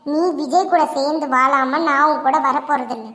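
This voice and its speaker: A woman voicing a stubborn young wife in an animated family cartoon, speaking loudly and firmly. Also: sits high, normal speed, reverberant, in a large hall. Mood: defiant. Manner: firm, loud, defiant. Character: stubborn angry young wife refusing to return.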